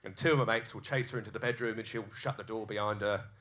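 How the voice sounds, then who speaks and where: Man, 30s, stand-up comedian, lowish voice, faint background noise, animated storytelling. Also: fast talker. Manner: animated, acts out scenes, crude jokes. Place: comedy club stage, live.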